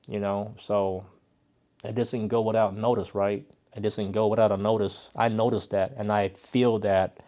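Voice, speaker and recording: A man's voice: lowish voice, a little mellow. A man chatting casually to his viewers in a loose, rambling way, often checking in with "right?". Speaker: vlogger. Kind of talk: casual chat to camera.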